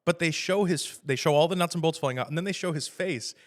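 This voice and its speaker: A man hosting a podcast, chatting casually about a film in a rambling, profane, animated way and laughing often. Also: a little high, fast talker. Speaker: podcast host.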